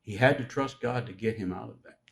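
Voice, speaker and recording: His voice is low and gravelly as he gives a sermon like a conversational lesson. He kids around with the congregation and draws out important words for stress.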